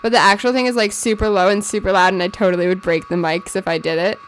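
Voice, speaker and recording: A young woman gushes about her favorite TV characters in loose, joking podcast chatter. Her voice sits at an ordinary pitch for a woman. A faint hiss runs under the recording. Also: fairly even intonation, rough recording. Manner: bubbly, gushing, quick to joke. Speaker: podcast co-host. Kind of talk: casual chat about TV shows. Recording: faint background noise.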